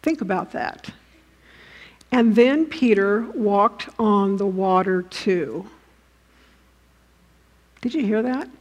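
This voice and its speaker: A woman's voice: mid-range voice, slow, pauses often, a little mellow. A woman preaching a sermon who has listeners picture the scenes she describes and often asks them direct questions. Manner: vivid, inviting listeners to imagine scenes.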